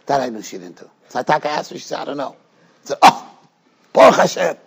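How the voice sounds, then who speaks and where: A man giving an informal, animated religious lecture, in an emphatic, questioning way full of rhetorical tags. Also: mid-range voice, fast, vocal fry, breathy edge. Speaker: Talmud teacher.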